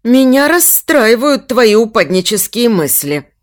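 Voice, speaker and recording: A woman's voice: a little high, sing-song, moderate pace. A woman voicing an invisible, bossy female spirit who scolds and lectures in a grumbling, preachy way. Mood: scolding. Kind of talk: audiobook character voice.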